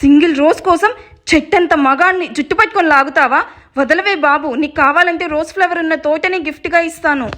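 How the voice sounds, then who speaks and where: A woman's voice: sits high, a little fast, fairly bright tone. A woman voicing a teasing young man who bickers and mocks, in a read-aloud Telugu story. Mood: bickering. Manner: mocking and exasperated.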